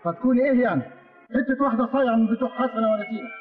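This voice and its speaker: An actor playing a leering shop owner in an Egyptian Arabic radio drama from the 1950s, oily and mocking. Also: male voice, very high-pitched, very fast. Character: leering shop owner, smooth then scornful. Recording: old radio broadcast, phone-like, faint music.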